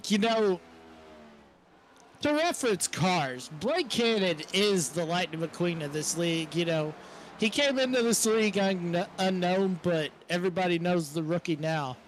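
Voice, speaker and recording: A man's voice: sits high, lively intonation, unhurried, slight background noise. A man giving casual color commentary on a sim race, chuckling and using lots of fillers.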